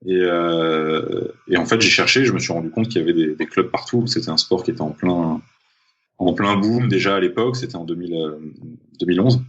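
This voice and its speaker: A man's voice: sits low, a little fast, fairly bright tone, breathy edge, muffled recording. A young man from Paris, a guest in a casual interview, talking hesitantly with many fillers and restarts. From Paris, France. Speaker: guest, freediving champion.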